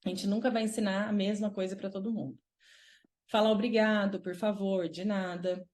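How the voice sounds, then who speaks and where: A woman's voice: medium pitch, steady tone, moderate pace, darkish tone. A woman with a Brazilian accent, a child development specialist giving a live talk and answering audience questions, often checking in with "né?". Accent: Brazilian Portuguese. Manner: explanatory, with frequent "né?" tag questions.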